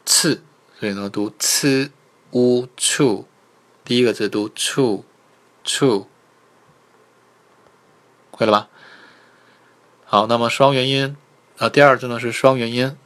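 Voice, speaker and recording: Man, language teacher, livestream lesson, lowish voice, patient, repeats sounds slowly. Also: a bit bright. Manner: patient, repeats syllables slowly, asks viewers to type in chat.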